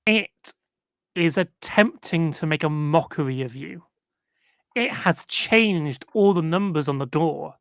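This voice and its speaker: A game master narrating a tabletop role-playing game in slow, deliberate bursts with frequent pauses and fillers. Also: medium pitch, expressive, fairly bright tone, dry recording, studio quality.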